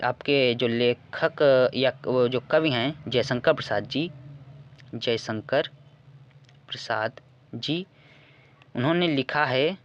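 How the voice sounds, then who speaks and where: A male teacher walking students through an exam paper, reading verse lines slowly and repeating key words as he explains. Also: medium pitch, muffled recording. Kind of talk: exam paper walkthrough lesson.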